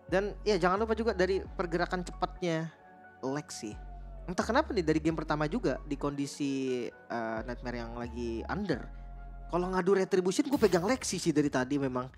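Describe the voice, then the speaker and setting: A man's voice: a little high, brisk. A man giving casual analytical co-commentary on a match, repeating words for emphasis. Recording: game music behind.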